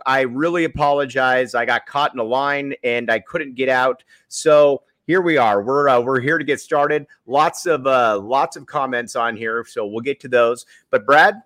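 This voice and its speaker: A man's voice: mid-range voice, fairly bright tone, no room sound. A man hosting a sports podcast in a casual, conversational style.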